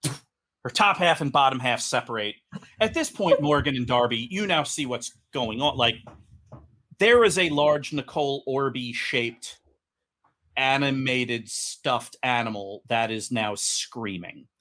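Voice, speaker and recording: A man's voice: mid-range voice, measured pace, a bit bright. A man narrating a tabletop role-playing game as game master, talking in a loose, rambling way with many fillers.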